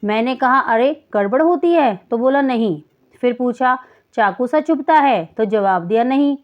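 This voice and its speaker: A woman reading the part of a worried father of a sick boy in a slow, bewildered way. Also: fairly high pitch, expressive, lightly acted. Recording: dull lo-fi recording.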